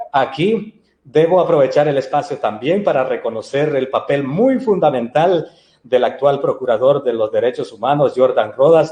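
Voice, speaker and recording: A man's voice: fairly high pitch, warm tone, reverberant. A man, a journalist guest, speaking earnestly and with feeling in an interview. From Guatemala. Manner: earnest, impassioned testimony. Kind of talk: interview answer.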